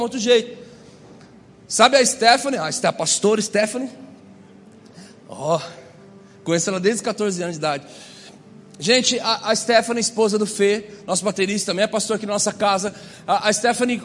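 A Brazilian man preaching a lively, humorous sermon, acting out the voices in his stories. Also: high voice, big-room sound. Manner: animated, acts out quoted voices. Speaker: pastor. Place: church hall.

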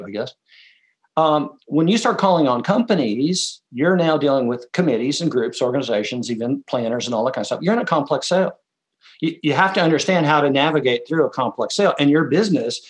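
Man, fairly high voice, business author guest, emphatic conversational teaching, acts out stories. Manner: emphatic, tells stories with quoted dialogue.

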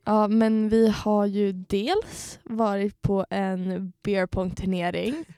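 A woman's voice: mid-range voice, clear, resonant tone, no echo, studio quality. A woman co-hosting a podcast, telling stories in casual chat and acting out what people said. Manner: lively storyteller, acts out what people said. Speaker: podcast co-host.

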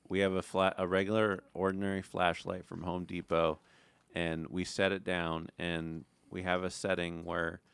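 A man's voice: deep voice, fairly bright tone, smooth, dry recording. A young man co-hosting a podcast, explaining things in casual chat and laughing often. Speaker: podcast co-host.

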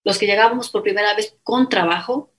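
As a guest in a relaxed interview, a middle-aged Ecuadorian woman recounts her story with a Spanish accent and a mid-range voice, talking a little fast. Her telling is lively and full of fillers, and she performs other people's lines as quoted dialogue.

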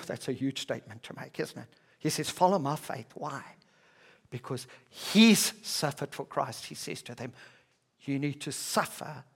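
A man pastor preaching a sermon, emphatic, swinging between loud passionate peaks and hushed, slow, stressed phrases. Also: medium pitch, creaky, breathy edge. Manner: slows and stresses words one by one.

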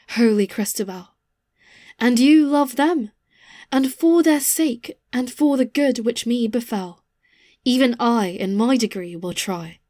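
A man's voice: extremely high pitch, no echo, studio quality, voice pushed up, full character voice. A man voicing an eerie, commanding noblewoman in a dramatic poetry reading, at times sinking to a hollow whisper. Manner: shifts to a hollow hushed whisper.

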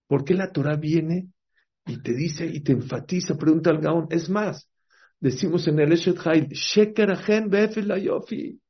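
A man teaching a Torah class as a rabbi, telling stories lively and asking his listeners questions. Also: a little high, unhurried, breathy edge. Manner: lively storyteller, acts out quotes, asks the audience questions. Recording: dull lo-fi recording.

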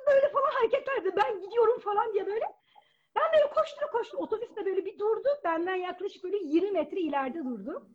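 A woman telling a personal story at a live storytelling event, animated and acting out the voices of people she quotes. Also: very high-pitched, very fast. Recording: dull lo-fi event recording.

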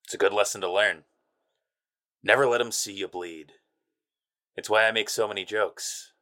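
An actor playing a world-weary, sardonic hardboiled private eye in a noir audio drama. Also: male voice, on the low side, steady tone, normal speed, pushed and bright.

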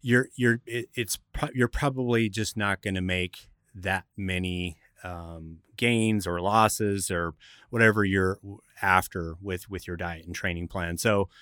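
A man's voice: deep voice, fairly even intonation, unhurried, fairly bright tone, smooth, no echo, clean studio sound. A man hosting a radio talk show, explaining in an instructive, methodical way like a coach.

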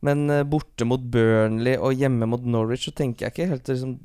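A man co-hosts a fantasy football podcast with a smooth, resonant voice. He is recorded close and dry, and he argues his points in an even, measured way. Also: medium pitch, no echo. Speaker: podcast co-host. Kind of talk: casual chat about fantasy football.

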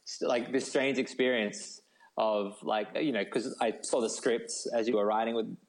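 The rough recording captures a novelist from Australia being interviewed as a guest, speaking at medium pitch and normal speed with fairly even intonation. He's casual, enthusiastic, and rambling, leaning heavily on an informal "like."

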